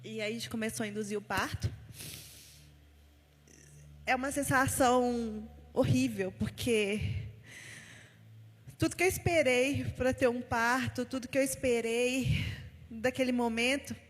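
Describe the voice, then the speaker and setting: A woman with a somewhat high voice shares a personal testimony at a church gathering. She tells it with heartfelt feeling as a story and recounts the conversations she had. Her voice rings out with the long reverb of a large church hall. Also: unhurried, long pauses. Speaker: testimony speaker at a church service.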